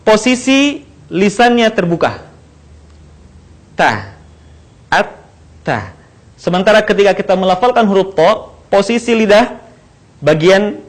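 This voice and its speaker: A man teaching how to pronounce Arabic letters, explaining slowly and repeating each sound in drills. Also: sits high. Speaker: Quran recitation teacher. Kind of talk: slow instructional explanation with recited drills.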